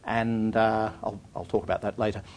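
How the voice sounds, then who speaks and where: A man's voice: lowish voice, level tone, normal speed, slight background noise. A man telling humorous, self-deprecating travel stories to a live audience, rambling with many fillers. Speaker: storyteller speaking to an audience.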